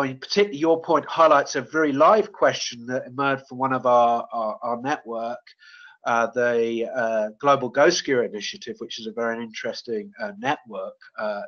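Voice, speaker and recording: A man giving a webinar talk, speaking in a mid-pitched voice that keeps stopping on "uh" and "you know" and starting phrases over. The sound is dull and lo-fi, typical of webinar audio. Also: a bit bright. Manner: hesitant, many fillers and restarts. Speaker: webinar presenter. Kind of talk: webinar presentation and Q&A.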